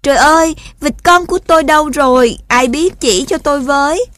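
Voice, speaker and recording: Panicked mother duck, high loud cries; woman narrator. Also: fairly quick, no echo. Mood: frantic. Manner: frantic, crying out. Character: frantic mother duck searching for her child.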